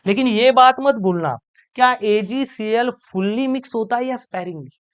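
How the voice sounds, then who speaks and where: A man teaching a chemistry lecture in a playful way, firing quick questions at the class and answering them himself. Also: very high-pitched, clean tone, dull audio.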